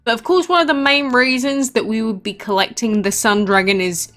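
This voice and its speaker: A woman's voice: on the high side, fairly even intonation, fairly quick, fairly bright tone. A woman hosting a casual gameplay commentary, chatting about her game with frequent asides and fillers. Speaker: game channel host.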